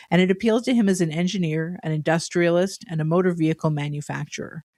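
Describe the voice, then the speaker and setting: A woman co-hosting a podcast, reading prepared notes in a steady, matter-of-fact way with dry asides. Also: lowish voice, no echo. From Canada. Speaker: podcast co-host presenting the topic.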